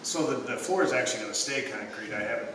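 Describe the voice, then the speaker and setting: A middle-aged man chatting casually and haltingly as a co-host, his voice in a big hall echo. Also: medium pitch, expressive. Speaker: co-host and taster. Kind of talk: casual chat. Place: own unfinished basement with concrete floor. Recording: big hall echo, distant mic, faint noise.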